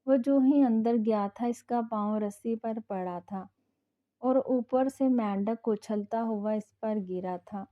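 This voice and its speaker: A woman reading a romance novel aloud as scripted narration, in a measured storytelling manner. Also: fairly high pitch, narrow, tinny audio.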